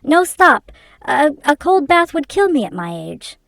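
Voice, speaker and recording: A woman's voice: sits high, sing-song, measured pace, creaky, a bit bright, dry recording, voice pushed up, heavily acted. A woman reading aloud, voicing an agitated elderly male millionaire who pleads and protests in sputtering bursts.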